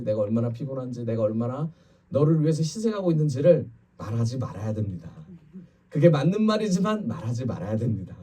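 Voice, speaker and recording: Dark-voiced, husky pastor preaching from afar. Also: male voice, mid-range voice, recorded from a distance. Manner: conversational preaching, quotes people in lively voices. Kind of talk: Friday evening sermon. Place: church sanctuary.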